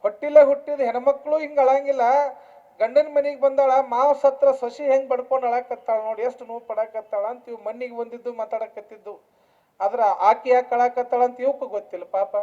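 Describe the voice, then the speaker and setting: Mellow North Karnataka storytelling preacher. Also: medium pitch, fairly even intonation, a little fast, dull audio. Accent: North Karnataka Kannada. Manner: storytelling, rising to emphatic preaching. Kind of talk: devotional sermon with folk stories.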